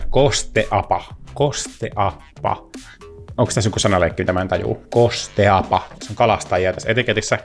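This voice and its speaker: A man giving a casual, chatty beer-tasting review, thinking aloud between sips. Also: lowish voice.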